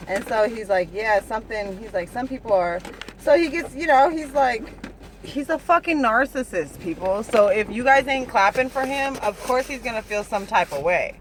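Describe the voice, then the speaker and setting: In a casual rant to camera, a woman vlogger with a slightly high voice speaks at a moderate pace, swearing a lot. She's animated, restarting and stumbling over her sentences and repeatedly asking "you know what I'm saying." The recording carries a little hiss or hum.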